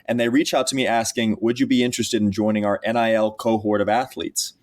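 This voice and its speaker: A man's voice: lowish voice, little pitch movement, fast talker, darkish tone. A young man in his twenties from Texas, a college athlete who is the guest on a podcast interview and tells his story earnestly, with frequent restarts. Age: 20s.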